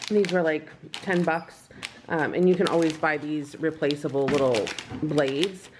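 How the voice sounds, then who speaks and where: A woman in her thirties vlogs from her home kitchen and dining table, holding up food and craft supplies while chatting in a rambling, practical way. Her voice sits low, with a steady tone and measured pace, over a noisy background.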